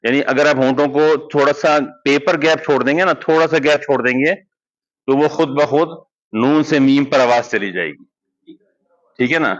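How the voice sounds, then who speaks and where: A man teaches a recitation class at an even middle pitch. He explains step by step and draws out example words slowly. The recording is dull and lo-fi, like a classroom captured on a basic mic. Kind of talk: classroom lesson. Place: madrasa classroom.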